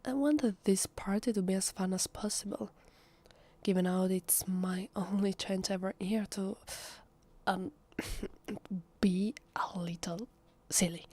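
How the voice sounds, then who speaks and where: In an ASMR roleplay, a woman with an Italian accent plays a female vampire pretending to be human, evasive and flustered. Her mid-range voice comes out as a soft, husky half-whisper, hesitant, slow and drawn-out, with a playful, denying mood.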